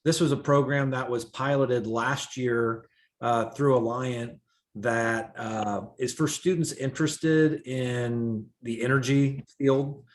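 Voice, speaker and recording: A man reports to a school board over a video call, and his loudness keeps swelling and fading unevenly. He speaks at a middling pitch with a halting delivery full of small pauses and fillers. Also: steady tone, slight background noise. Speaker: school administrator giving a report.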